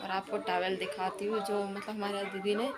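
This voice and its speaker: A woman's voice: mid-range voice, level tone, normal speed, over loud music. A woman talking casually to her viewers in a home vlog, chatty and pleading for likes. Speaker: vlogger.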